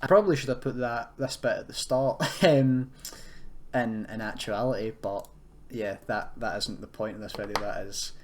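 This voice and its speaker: With a lowish voice at a moderate pace, a young university student talks through an informal, unscripted coding tutorial. He is hesitant and keeps correcting himself, against clear background noise and the clatter of a computer keyboard.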